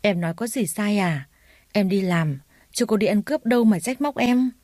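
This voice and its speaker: A woman's voice: mid-range voice, moderate pace, a little mellow, no echo, studio quality, natural voice. A woman voicing a defiant young female student who petulantly talks back to her family, in a narrated story.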